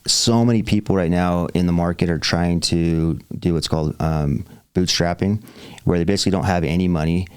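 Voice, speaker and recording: A man's voice: low-pitched, steady tone, brisk, smooth, no room sound. A man in his forties, a real estate investor guest on a podcast, telling his story with upbeat enthusiasm and plenty of fillers. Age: 40s. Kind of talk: podcast interview.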